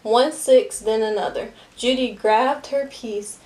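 Woman, fairly high voice, expressive, reading a kids' book aloud. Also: slow, poor audio. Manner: expressive, lively narration. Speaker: storybook reader. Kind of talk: children's book read aloud.

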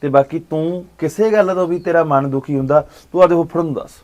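A man, acting as an uncle in a short film, gently consoling and reassuring his niece. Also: on the high side, fast, dull audio. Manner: warm, fatherly consoling. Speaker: uncle by marriage.

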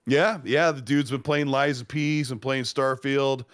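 A man's voice: medium pitch, steady tone, moderate pace, a bit bright, no echo, studio quality. A congested man guest on a gaming podcast, chatting in a friendly, laid-back way. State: congested from a cold. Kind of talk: casual podcast chat.

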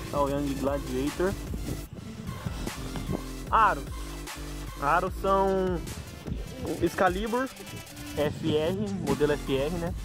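Higher-voiced Brazilian man, casual vlogger. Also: rough recording. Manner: informal, improvised, self-correcting. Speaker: bike owner presenting a gear check. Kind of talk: casual vlog commentary, listing parts. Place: outdoors.

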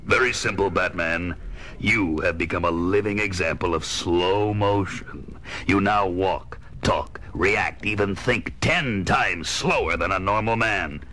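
An actor playing a menacing, pompous super-intelligent gorilla villain in a children's audio comic, taunting and deliberate. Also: male voice, deep voice, sharp tone, a little hiss or hum. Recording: music bed, 1970s record.

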